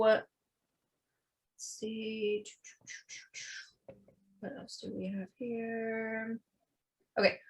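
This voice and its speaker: A woman co-hosting a podcast, walking through a true-crime case in loose, chatty storytelling. She swears casually and slips into quoted voices as she goes. Her voice sits at a middle pitch for a woman. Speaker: podcast co-host.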